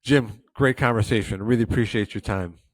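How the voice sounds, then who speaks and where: A man's voice: on the low side, a little fast. A man hosting a business interview as the editor, friendly and given to teasing asides.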